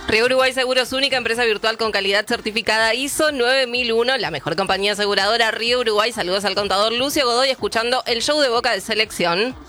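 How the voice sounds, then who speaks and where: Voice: mid-range voice, fast, few pauses, pushed and bright. An announcer reading radio ads, emphatically repeating brand names. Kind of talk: radio ad reads.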